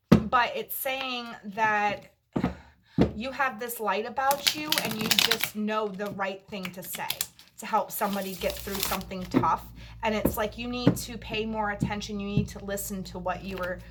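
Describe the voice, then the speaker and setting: A woman giving a monthly tarot reading to camera, her voice a little creaky and tired after a long day, reassuring listeners as she goes. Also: a little high, heavy background noise. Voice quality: slightly creaky. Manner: reassuring, checks in with "okay?". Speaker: tarot reader.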